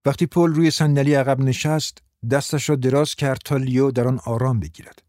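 A man reading a novel aloud as an audiobook narrator, in an even, measured storytelling manner. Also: medium pitch, no echo, studio quality.

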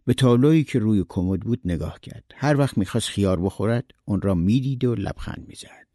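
A man calmly narrating a short story in a measured reading style. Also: fairly low pitch, no room sound, studio quality.

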